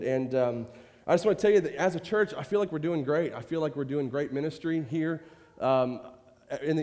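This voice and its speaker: This man, pastoring while sick with a cold, speaks at medium pitch in an echoey church hall through a handheld or stage microphone. His informal sermon is warm and meandering, packed with "uh"s and repeated "I tell you"s, and he coughs now and then.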